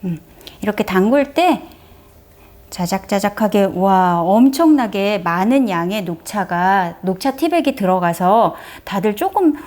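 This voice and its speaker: A woman's voice: mid-range voice, lively intonation, measured pace, a little mellow. A middle-aged woman chatting through a step-by-step home demonstration, friendly and explanatory, presenting for a brace clinic. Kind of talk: casual how-to demonstration.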